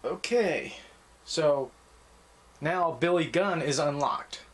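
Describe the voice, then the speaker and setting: A man's voice: fairly high pitch, slow pace. A man casually commenting on his own gameplay and reading out match objectives. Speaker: gameplay host. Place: in a room before a TV screen. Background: loud game music.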